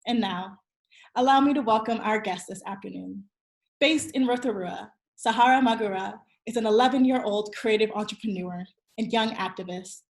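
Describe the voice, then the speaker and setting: A woman's voice: mid-range voice, normal speed, vocal fry. An American woman in her twenties from Virginia, hosting an interview with earnest, upbeat introductions and questions. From Virginia, USA. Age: 20s. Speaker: host. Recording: roomy echo.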